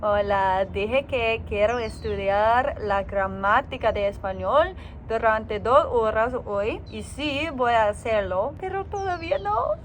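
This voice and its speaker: Slow, tired woman learner vlogging. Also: on the high side, expressive, faint music behind. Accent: American English. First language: English. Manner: slow, searching for words, self-correcting, laughs often. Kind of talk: casual video diary.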